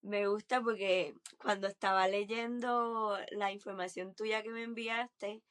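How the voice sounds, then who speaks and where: A woman's voice: mid-range voice, steady tone, measured pace, a bit bright, clear, resonant tone. A woman with a Puerto Rican Caribbean Spanish accent, hosting a conversational podcast interview in an informal way. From Puerto Rico. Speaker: podcast host.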